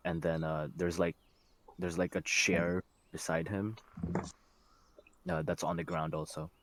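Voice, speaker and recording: A man's voice: deep voice, sing-song, measured pace, vocal fry, a bit bright, a little hiss or hum. A young man narrating as game master of a tabletop game, in a loose, casual way with restarts.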